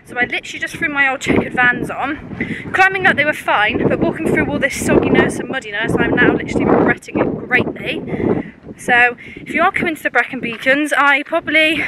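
A woman's voice: high voice, brisk. A young woman vlogging on a windy mountain hike, chatty and rambling, a bit out of breath. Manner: chatty, rambling, says "literally" a lot. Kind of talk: casual vlog chat while hiking. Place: windy mountain trail outdoors. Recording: loud wind noise on mic.

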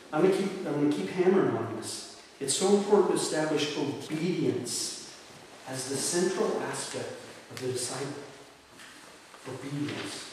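A man, a deacon, teaching scripture to a parish group in an emphatic way, restating points and asking rhetorical questions. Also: a little high. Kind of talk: church talk, teaching. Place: parish hall or church. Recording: roomy hall, distant mic, faint hiss.

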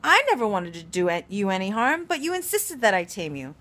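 A woman's voice: medium pitch, very animated, fairly quick, fairly bright tone. A woman reading aloud and voicing a polite, curious little boy prince who asks innocent questions. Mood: earnest.

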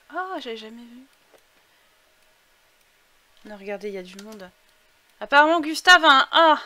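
A young woman narrating her gameplay through a headset mic in a relaxed, slow-paced chat. Her voice sits high and sounds bright. She breaks into excited outbursts now and then. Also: clear, resonant tone. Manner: chatty, excitable outbursts, thinks aloud. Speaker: gaming YouTuber. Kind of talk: casual let's-play commentary.

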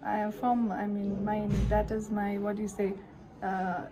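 A woman's voice: medium pitch, level tone, measured pace, music in the background, low-quality recording. A young woman from Nepal with a Nepali accent, answering interview questions hesitantly and searching for words. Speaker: social institute director.

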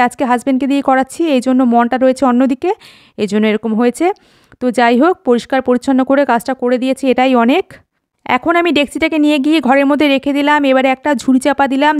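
A woman's voice: sits high, steady tone, fast talker, clean tone, dry recording, studio quality. A woman in her forties from West Bengal, narrating a chatty home vlog and talking straight to her viewers. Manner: chatty, homely, addresses viewers directly. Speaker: vlogger.

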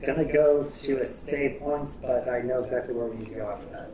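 A man playing the game, answering briefly and quietly while he plays. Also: medium pitch, fairly even intonation, fairly quick, far from the mic. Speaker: player at the controls. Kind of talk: casual gaming commentary. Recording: echoey room, off-mic, background chatter.

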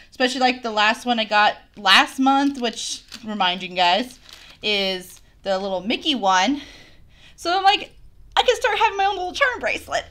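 A woman's voice: a little high, sharp tone. A young woman gushing through a casual unboxing vlog on her phone camera, chatting to viewers. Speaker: unboxing vlogger.

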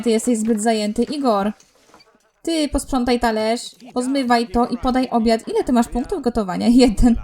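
High-voiced woman bossing game characters. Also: darkish tone. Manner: exasperated, bossing her game characters around with frequent laughs. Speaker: let's play host. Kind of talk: casual gameplay commentary.

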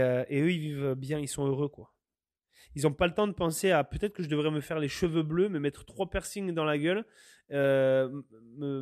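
This podcast host, a man from France, delivers an earnest monologue of his opinions, full of fillers and restarts. He has a fairly high, slightly mellow voice, recorded cleanly in a studio with no echo.

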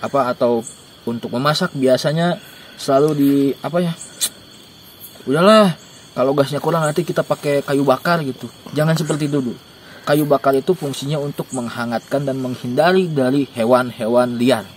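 A young man giving joking, animated camping tips outdoors in a dark forest at night, recorded by a camera a few steps away. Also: medium pitch, moderate pace, a little hiss or hum. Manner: joking, animated, gestures while talking. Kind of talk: casual outdoor interview. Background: faint insects and crickets.

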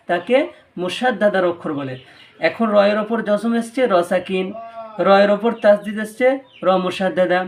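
A man with a Bangladeshi Bengali accent teaching Quran recitation rules in a patient tutorial, repeating each rule twice. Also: high-pitched. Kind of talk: step-by-step tutorial lesson.

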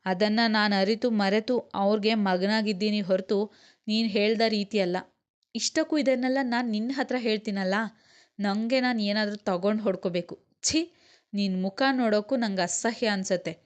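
A woman's voice: mid-range voice, steady tone, normal speed, close to an everyday voice. A woman reading the lines of an angry young man who scolds his mother in scornful, indignant words. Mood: disgusted.

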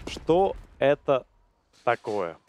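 A man's voice: mid-range voice, sing-song, drawn-out words, a little mellow, slight background noise. A man co-casting an esports match, giving live commentary and analysis. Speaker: esports co-caster.

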